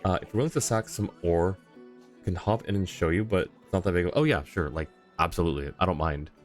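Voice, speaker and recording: A man with a quite deep voice hosts a casual game livestream, speaking briskly and conversationally. He reads viewer comments aloud and responds to them while music plays faintly in the background.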